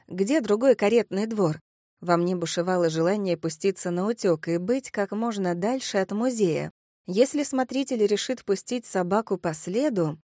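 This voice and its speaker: Expressive woman audiobook narrator. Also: medium pitch, no echo, clean studio sound. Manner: lively, expressive storytelling. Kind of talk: first-person audiobook narration.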